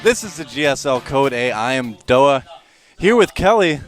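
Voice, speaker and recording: A man's voice: medium pitch, lively intonation, moderate pace, loud music behind the voice. Young guy casting a starcraft match, chatty and easygoing, plain mid voice. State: out of breath. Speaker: esports caster. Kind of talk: casual esports commentary.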